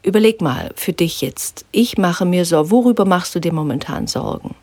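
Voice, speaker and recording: A woman teaching a guided spiritual lesson, calmly instructive and sometimes dropping to a soft whisper. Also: fairly low pitch, moderate pace, dry recording. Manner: calm, gently instructive, drops into soft whispers. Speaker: spiritual teacher guiding an exercise.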